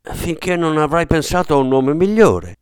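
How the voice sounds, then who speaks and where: Man playing irritable father, gruff, curt, lively pitch, dry audiobook voice. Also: moderate pace, dry recording.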